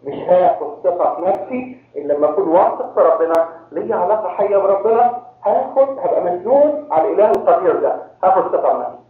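Egyptian priest preaching, quick and high-voiced, keeps quizzing the crowd; heavy echo, phone-thin sound. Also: male voice, expressive. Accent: Egyptian Arabic. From Egypt (Cairo). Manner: quizzes the audience with rhetorical questions. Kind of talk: sermon to a congregation. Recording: very echoey tinny phone-like hall recording.

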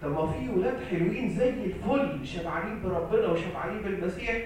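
Speaking quickly in a high, darkish voice, a priest with an Egyptian Arabic accent delivers an emphatic sermon, repeating key phrases and answering his own questions. He is recorded from a distance in an echoey hall, with slight background noise.

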